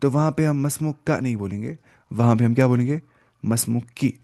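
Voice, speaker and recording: Male teacher, patient step-by-step explainer who quizzes his class, warm mellow tone, dry close sound. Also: mid-range voice, no room sound. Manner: repeats key words and asks the class quick check questions; patient step-by-step explaining, mixing in English terms. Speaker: Arabic teacher. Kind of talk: online language lecture.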